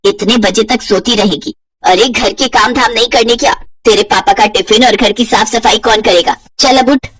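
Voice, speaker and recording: A woman's voice: on the high side, normal speed, breathy edge, no room sound. A woman voicing a cruel, bitter stepmother who scolds harshly. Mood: scolding.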